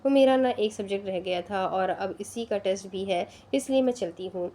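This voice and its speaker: A woman voicing a cheeky, mischievous young female student who talks in a calm, witty way. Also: mid-range voice, close to an everyday voice. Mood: flustered.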